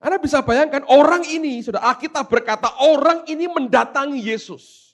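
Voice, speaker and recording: A male pastor preaching a sermon. He switches between hushed asides and loud, dramatic exclamations. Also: extremely high pitch, brisk.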